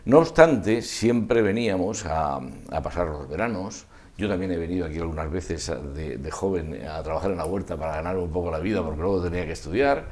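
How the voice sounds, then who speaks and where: An older man reminiscing in an interview, discursive and halting, often trailing off mid-thought. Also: deep voice, darkish tone. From Spain. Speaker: interview guest, festival proclamation speaker.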